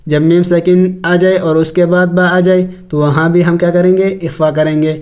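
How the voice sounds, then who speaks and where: A man teaching Quran recitation, spelling out letters and vowels slowly, chanting the words drawn out, then explaining the rules in quick asides. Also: sits high, flat delivery, a little mellow. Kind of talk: slow spelled-out tajweed lesson.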